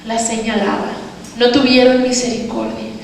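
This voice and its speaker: A woman's voice: a little high, level tone, moderate pace, creaky, slight background noise. A woman missionary with a Mexican accent preaching a sermon, giving an earnest testimony and addressing her congregation as brothers and sisters. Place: church sanctuary. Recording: echoey church hall from far off, faint ambience.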